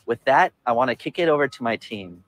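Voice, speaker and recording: A man in his forties delivering a scripted tech keynote presentation outdoors on a city rooftop, upbeat and measured. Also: mid-range voice, lively intonation.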